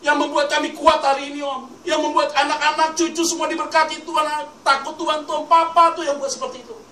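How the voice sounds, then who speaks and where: A male preacher voicing a grieving adult daughter, speaking in a high, excited, pleading way with a lilt. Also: unhurried. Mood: emotional praise. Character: grieving adult daughter, tearful yet proud. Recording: echoey hall mic from a distance with ambient noise.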